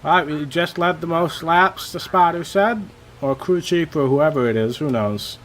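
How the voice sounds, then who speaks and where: A young man giving casual, rambling commentary over his racing game, a little hoarse and self-deprecating, with many fillers. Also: a little high, moderate pace, fairly bright tone, slight background noise. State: slightly losing his voice. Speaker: gaming channel host.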